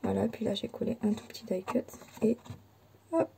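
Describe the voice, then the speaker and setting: Casting: woman, crafting vlogger, very dark mellow tone, halting casual delivery. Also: mid-range voice, lively intonation, creaky, slightly rough. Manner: hesitant, many fillers and restarts. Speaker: scrapbooking channel host. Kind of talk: casual crafting show-and-tell.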